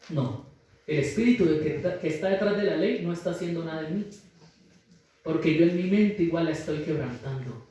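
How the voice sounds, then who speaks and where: A man preaching a sermon in an animated way, acting out the voices of the people in his stories. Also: fairly high pitch. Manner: animated, acts out quoted voices. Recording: echoey hall, distant mic, faint noise.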